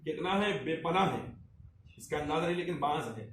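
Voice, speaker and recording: A man in the role of Islamic cleric leads a religious discussion, fairly high-voiced and emphatic, firing rhetorical questions at his listener. He sits back from the microphone in a roomy, echoing space. Faint ambient noise hums underneath. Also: expressive, moderate pace, a bit bright. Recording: echoey room, distant mic, faint ambience.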